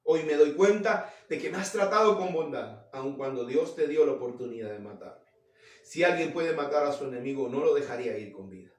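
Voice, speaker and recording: A grieving old king pleads loudly and with emotion, as a preacher voices him. The voice rings around a large, echoing room. It is picked up from some distance away. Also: mid-range voice, lively intonation, brisk, close to an everyday voice. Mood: pleading. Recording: roomy echo, mic at a distance.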